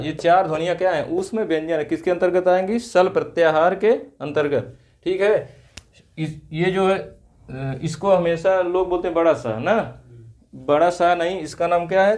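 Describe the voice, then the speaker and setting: A man teaching Hindi grammar for exam prep, asking questions and answering them himself in slow, drawn-out repetitions. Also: fairly high pitch, a little mellow.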